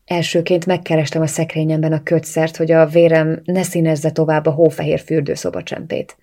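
A reader narrating a first-person novel in a quiet, subdued way. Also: medium pitch, little pitch movement.

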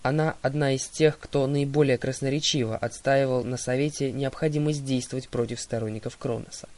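A man's voice: medium pitch, steady tone, fairly quick, a little mellow, close to an everyday voice. A man reading the part of a proud young huntress girl who speaks curtly and commands. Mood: stern. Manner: curt, commanding.

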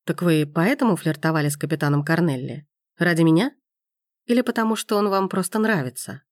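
A woman voicing a mocking, stubborn man who asks slow, measured, teasing questions. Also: deep voice, animated, no room sound, clean studio sound.

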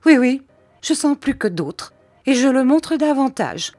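A woman's voice: high voice, big pitch swings, a little slow, warm tone, no echo, faint music behind, pitched above the performer's own voice, exaggerated voice. A woman voicing a gloomy, self-pitying old widow who whines and complains tearfully. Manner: plaintive, whining.

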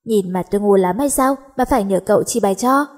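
A woman's voice: mid-range voice, fast, darkish tone, lightly acted. A woman voicing a playful, lazy teenage schoolgirl joking with her best friend. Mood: casual.

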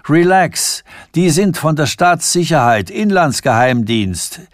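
A man's voice: a little high, lively intonation, slow, no room sound, studio quality, voice pushed up. Sanford: a man playing a brash mocking Englishman. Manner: jovial, teasing, cackling.

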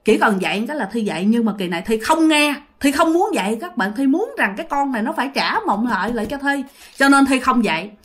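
A woman's voice: on the high side, lively intonation, fast. A woman with a Southern Vietnamese accent telling her own ghost story dramatically, speaking straight to her listeners. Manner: dramatic, emphatic, addresses listeners directly. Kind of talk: first-person ghost story told to listeners.

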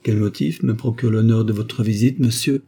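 A wealthy, guarded gentleman who receives a visitor with formal wariness, as a man reading the novel voices him. The voice is low and mellow, with a husky texture. The figure is voiced in an audiobook of a classic French novel. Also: fairly even intonation, moderate pace.

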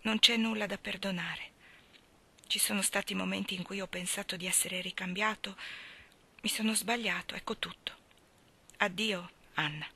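A woman doing a quiet heartbroken young man. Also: normal speed, long pauses, slightly rough. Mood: earnest. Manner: calm, low and subdued.

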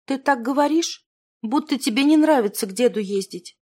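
A woman's voice: sits high, animated, normal speed, darkish tone, pitched above the performer's own voice. A woman voicing a timid, earnest young woman in love who talks shyly and pleads.

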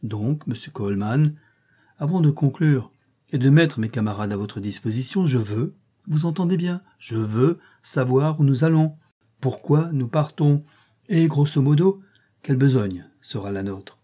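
A bold, sardonic male bandit captain from an adventure audiobook, ironic in every line, voiced by a male reader. The voice is mellow and dark with a husky edge. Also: mid-range voice, animated, measured pace. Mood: mocking. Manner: ironic, mocking. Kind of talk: audiobook reading.

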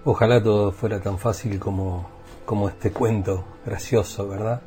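A man hosting a reflective radio monologue, thoughtful and halting, often repeating words as he searches for them. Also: fairly low pitch, fairly even intonation, warm tone, faint music behind.

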